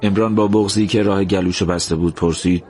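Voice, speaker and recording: A man narrating a story in a calm, measured, gentle way. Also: sits low, a faint crowd.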